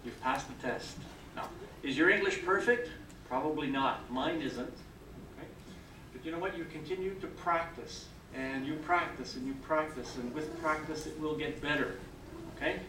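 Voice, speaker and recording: This older man from Canada, whose native tongue is French, has a voice on the high side and a moderate pace. Addressing a hall of new citizens, he offers encouragement and repeatedly asks "okay?". The recording is roomy, distant, and noisy.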